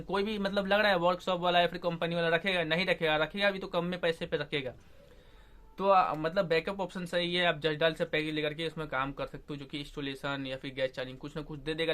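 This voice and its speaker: A man's voice: on the high side, sharp tone. A young man, an AC technician, giving casual advice to his viewers in a chatty way, often checking in with them. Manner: chatty, repeats "theek hai doston" and "aisa hai". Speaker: AC technician vlogger.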